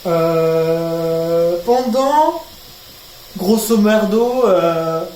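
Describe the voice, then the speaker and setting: Speaking very slowly in a high-sitting, darkish voice with lively intonation, a young man rambles chaotically through a home cooking vlog, cracking self-mocking jokes and swearing now and then. Sizzling, frying and stirring fill the echoey kitchen, and there's slight background noise.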